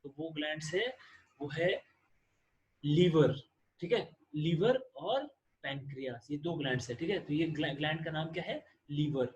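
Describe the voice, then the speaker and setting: A man with a somewhat high voice gives a classroom lecture. He keeps posing questions to his students, answers them himself, and repeats the key words for emphasis. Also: normal speed, lo-fi sound. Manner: mixes in English terms. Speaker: teacher.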